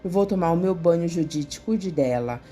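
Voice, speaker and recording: Wary old rancher, voiced by a woman in a low, mellow voice, guarded. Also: lively intonation, moderate pace, faint music behind, close to an everyday voice. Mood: curt. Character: wary wealthy older cattle rancher man.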